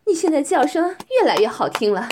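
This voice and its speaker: A woman playing a domineering, scornful young woman in an adult audio role-play, taunting with drawn-out questions. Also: sits high, sing-song, noisy background. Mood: commanding.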